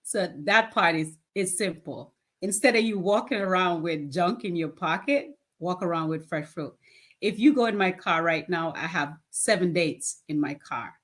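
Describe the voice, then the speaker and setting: A woman in her fifties, the founder of a children's charity, speaks as an interview guest in a lowish, fairly bright voice at a normal pace. She answers conversationally and plainly, with short, emphatic statements.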